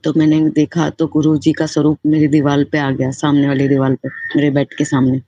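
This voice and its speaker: A woman's voice: sits low, completely flat delivery, normal speed, mellow, a little hiss or hum. A woman giving a personal devotional testimony, speaking in a heartfelt, repetitive and fervently grateful way. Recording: slightly muffled lo-fi recording.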